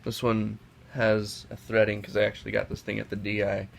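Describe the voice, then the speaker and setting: A young toy reviewer, sick and sniffly, talks in a low, gravelly, monotone voice at a fairly quick clip. He chats and rambles, correcting himself as he casually compares products hands-on at an indoor table. The noisy home audio comes from a camera mic off-screen above the table.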